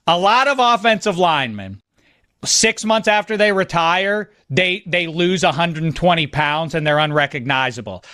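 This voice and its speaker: A man's voice: fairly high pitch, animated, moderate pace, sharp tone, clear, resonant tone. A man hosting a casual sports podcast, talking in a wry, playful way with rambling asides. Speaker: podcast host.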